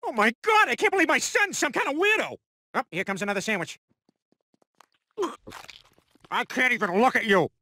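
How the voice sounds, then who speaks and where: Bright, nasal oafish cartoon dad. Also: male voice, very high voice, lively intonation, fast talker, dry recording, exaggerated voice. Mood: outraged. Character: oafish, shameless middle-aged suburban dad. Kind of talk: animated comedy voice acting.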